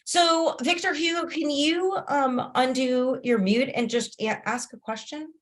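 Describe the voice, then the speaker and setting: A woman's voice: high voice, measured pace. A woman hosting a casual group discussion on a video call, moderating as a realtor trainer.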